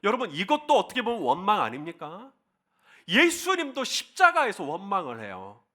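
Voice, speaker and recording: Bright, animated Korean pastor preaching. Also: male voice, high-pitched, moderate pace. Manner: leads the congregation in call-and-response scripture reading; impassioned, acts out quoted cries. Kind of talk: sermon.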